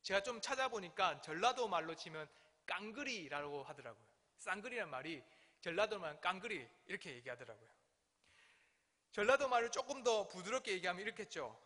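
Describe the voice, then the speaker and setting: Male pastor, sermon delivery: high, swooping pitch, loud peaks that fall to near-whispers, recorded in a church sanctuary. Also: brisk. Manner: animated preaching with sudden drops to a hush. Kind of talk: sermon at a midweek prayer service. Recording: long church hall reverb.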